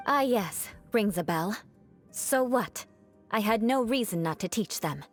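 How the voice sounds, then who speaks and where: A woman voicing a proud young noblewoman knight in a video game, composed and defiant, with formal, measured, coolly disdainful delivery. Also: medium pitch, animated, faint music behind. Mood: cool defiance.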